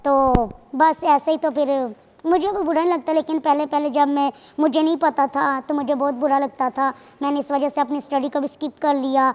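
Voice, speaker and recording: A woman's voice: high voice, fairly even intonation, moderate pace. A young woman speaks as a TV guest, chatty and earnest. Her voice rings with a long reverb from the studio. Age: 20s. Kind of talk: casual interview talk.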